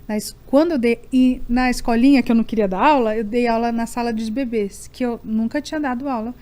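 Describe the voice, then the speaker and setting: Brazilian woman chatting on a podcast, pretty high voice, laughs a lot, keeps restarting. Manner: animated, laughs often, quick restarts. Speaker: podcast guest, YouTuber. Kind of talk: casual chat.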